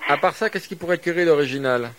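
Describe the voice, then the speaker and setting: A man making a prank phone call, speaking in a mock-formal, deadpan way full of innuendo. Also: on the high side, fast talker. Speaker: prank caller.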